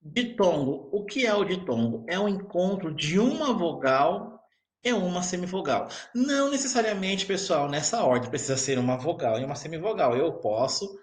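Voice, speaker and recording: A man's voice: on the high side, lively intonation, moderate pace. A man teaching a recorded grammar lesson, explaining patiently and checking in with his students again and again. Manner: keeps checking in with the class.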